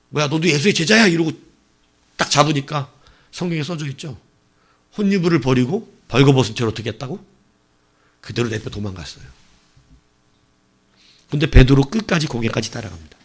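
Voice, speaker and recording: A male pastor preaching a sermon, telling the story with animated bursts as he acts out quoted lines. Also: on the high side, a little fast, pauses often, husky.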